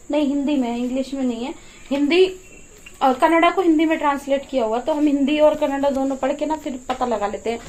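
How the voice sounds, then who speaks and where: Chatty high-voiced woman vlogger. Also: darkish tone, slight background noise. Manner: chatty, explains while doing chores. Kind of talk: casual home vlog chat. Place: home kitchen and yard.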